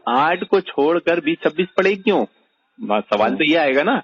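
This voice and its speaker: A man's voice: on the high side, lively intonation, slightly rough, no room sound, highs cut off. A man teaching a religious point in a debate-style chat, arguing with pointed rhetorical questions. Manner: argumentative, rhetorical questions, emphatic.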